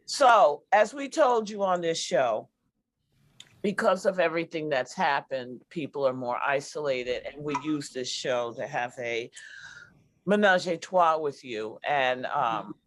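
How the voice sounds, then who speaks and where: An older man co-hosting a podcast, blunt and profane, chiming in with quick agreement. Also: a little high, fairly bright tone. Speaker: podcast co-host. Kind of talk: casual podcast chat.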